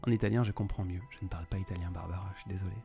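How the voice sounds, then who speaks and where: A man's voice: low-pitched, fairly even intonation, very fast, vocal fry, music in the background. A young man hosting a live stream, chatting casually and rambling as he answers viewers by name. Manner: rambling, improvised, talks straight to viewers by name. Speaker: poet and live-stream host.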